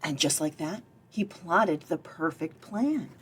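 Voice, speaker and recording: With background noise behind her, a woman with a low, animated voice reads a picture book slowly and expressively at story time. She is a library director and former children's librarian, and she chats with the young listeners as she goes.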